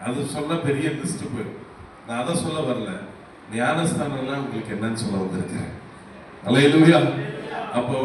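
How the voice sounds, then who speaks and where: A man preaching a baptism sermon, asking rhetorical questions and urging the congregation to answer aloud. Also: a little high. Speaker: pastor. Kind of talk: call-and-response baptism sermon. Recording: very echoey hall, voice from a distance, faint noise.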